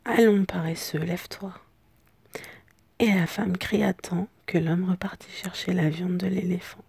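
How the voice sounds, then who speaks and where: Whispering woman with a cracked, husky voice. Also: on the low side, fairly even intonation, no echo. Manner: soft, unhurried, gentle pauses. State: voice broken. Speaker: storyteller. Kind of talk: whispered ASMR bedtime storytelling.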